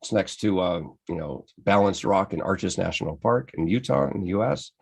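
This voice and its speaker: A man's voice: sits low, animated, normal speed, vocal fry, husky. An American man giving an enthusiastic, conversational photography lecture from slides, with frequent restarts. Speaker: photography presenter. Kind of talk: slide-based club lecture.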